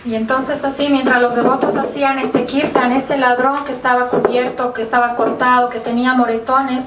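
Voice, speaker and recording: A woman interpreting a sermon phrase by phrase in a steady voice, recorded from afar in an echoey room with background noise. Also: high voice, moderate pace, recorded from a distance. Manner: even, steady delivery with small restarts.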